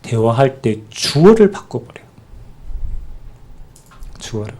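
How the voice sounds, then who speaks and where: Lively-pitched man preaching a sermon. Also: takes it slowly. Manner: animated preaching with call-outs for amen. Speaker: pastor.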